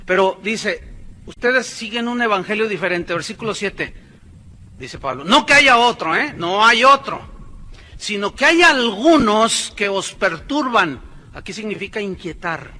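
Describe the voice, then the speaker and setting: Emphatic high-voiced male preacher. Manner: emphatic preaching, swings between loud and hushed. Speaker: pastor. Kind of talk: sermon.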